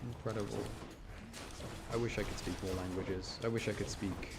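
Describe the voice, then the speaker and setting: Over music and heavy background noise, a British man with a lowish, gravelly voice streams a game. Speaking at normal speed with fairly even intonation, he chats informally and thinks aloud while playing.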